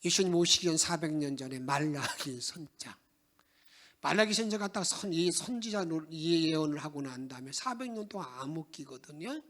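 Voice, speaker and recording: A male pastor preaching a Sunday sermon in church, animated, with dramatic soft asides. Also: on the high side, fairly quick. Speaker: pastor, bishop. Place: church sanctuary.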